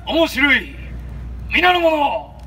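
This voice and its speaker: A man playing a bold, imperious samurai lord in a stage show, demanding and shouting like a battle commander. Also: very high-pitched, huge pitch swings, extremely slow, slight background noise, exaggerated voice. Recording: stage PA under loud music.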